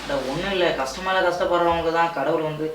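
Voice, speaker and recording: In an amateur family drama, a man with a southern Tamil Ramnad accent plays a distressed husband who falters while repeatedly reassuring his wife. His voice is on the high side, close to an everyday voice, steady and fairly quick. The room is echoey, the mic far off, with background noise.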